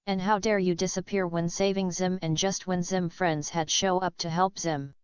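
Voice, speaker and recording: A woman's voice: fairly low pitch, fairly even intonation, moderate pace, clean tone, no echo, lightly acted. A woman voicing a bossy little male alien invader who speaks of himself by name, indignant in tone, on a dull lo-fi recording.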